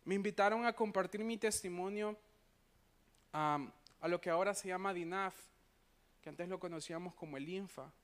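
High, smooth-voiced storytelling preacher. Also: male voice, normal speed, fairly bright tone. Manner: anecdotal, conversational, frequent tag questions. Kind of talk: sermon storytelling. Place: church.

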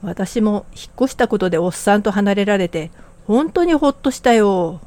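A woman's voice: medium pitch, expressive, normal speed, mellow. A woman co-hosting a podcast, talking in a blunt, casual, plain way. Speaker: podcast co-host.

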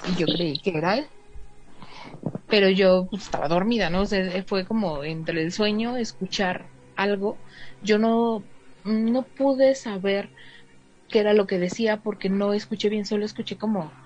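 Over soft background music, a woman with a medium-pitched, darkish voice and a Mexican Spanish accent chats through a story a little slowly. She plays out the dialogue and drops in asides like "o sea", and the recording is slightly dull with faint noise.

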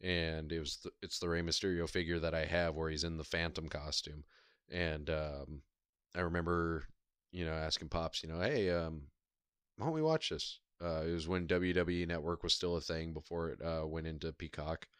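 A man in casual conversation, telling stories in a thoughtful, measured way with frequent ums. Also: a bass voice, little pitch movement, fairly bright tone, smooth, no echo, clean studio sound. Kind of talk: casual chat.

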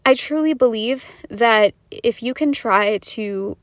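In a dry recording, a young podcast host with a fairly high voice speaks at a slow pace in a casual solo monologue. Earnest and chatty, she leans on fillers such as "like" and "you know", and is a little out of breath from talking fast.

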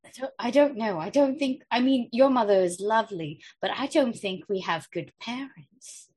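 A woman's voice: on the high side, moderate pace, darkish tone, husky, rough recording. A woman playing a tabletop game, speaking in character in a flustered, rambling way. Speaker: player. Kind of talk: in-character role-play.

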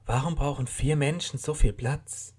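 A man's voice: mid-range voice, moderate pace, a little mellow, slightly rough, pitched above the performer's own voice, lightly acted. A man voicing a confused young man who is frightened and defiant. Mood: anxious, defiant. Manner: anxious, defiant.

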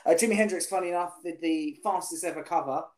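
Talking fast in a high-leaning, darkish voice, a man hosts a casual podcast chat from an echoey room. His questions to the guest come full of fillers and restarts.

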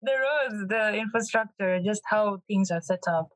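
A young woman from Kenya talking casually as an interview guest, animated and quick to laugh, with frequent restarts. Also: medium pitch, no room sound, poor audio.

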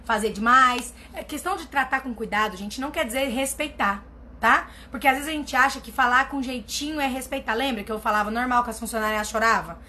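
Woman therapist, blunt and emphatic, bright voice with faint room noise. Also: on the high side, brisk. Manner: blunt, emphatic, repeats herself for stress. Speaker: family constellation therapist answering viewer questions. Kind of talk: casual live advice reading comments.

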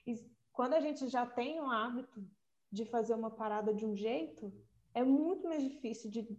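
Woman, slightly high voice, reflective, muffled lo-fi audio. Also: warm tone. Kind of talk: casual group discussion.

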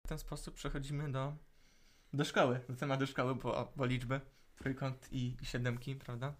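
A man's voice: mid-range voice, little pitch movement, normal speed. A teenage man co-hosting a casual podcast, often repeating words as he gathers his thoughts. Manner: hesitant, repeats words while thinking. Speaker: podcast co-host. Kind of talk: casual chat.

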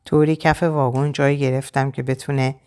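A woman narrating an audiobook in an expressive, dramatic reading style. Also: very deep voice.

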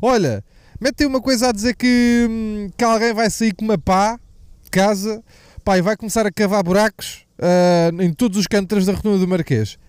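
A man's voice: high-pitched, fairly even intonation, normal speed, darkish tone, clear, resonant tone, no echo, studio quality. A young man with a European Portuguese accent hosting a podcast, talking in a casual, profane, joking ramble that wanders off topic. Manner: profane, jokey, digressive. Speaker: podcast host. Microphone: mic slipping away from the mouth at times.

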